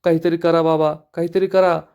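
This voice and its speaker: A man's voice: on the high side, level tone, brisk, darkish tone, clean tone, lightly acted. Brief: pleading panicked young man on the run, voiced by a man. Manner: pleading, frantic.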